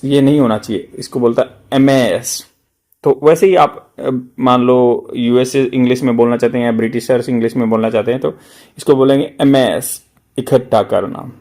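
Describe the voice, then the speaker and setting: A man teaches English vocabulary as he goes through a newspaper. He explains in Hindi with English words mixed in, and he stretches out each word slowly and repeats it to drill the pronunciation. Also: mid-range voice, a little mellow.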